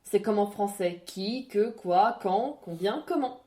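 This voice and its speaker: Woman presenter, scripted lesson narration, clear and didactic. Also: medium pitch, animated, mellow. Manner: clear, didactic, spells out examples slowly.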